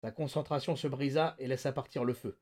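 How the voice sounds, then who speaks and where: A man hosting a podcast, reading a novel aloud with lively, dramatic narration. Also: mid-range voice, brisk. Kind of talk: expressive read-aloud narration.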